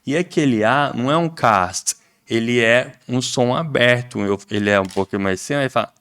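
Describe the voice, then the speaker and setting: A middle-aged man with a Brazilian Portuguese accent, an English teacher guest explaining things in a lively, demonstrative way, often saying "né". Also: medium pitch, moderate pace, clear, resonant tone. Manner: lively, demonstrative, repeats "né", acts out pronunciations. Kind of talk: casual explanatory interview talk.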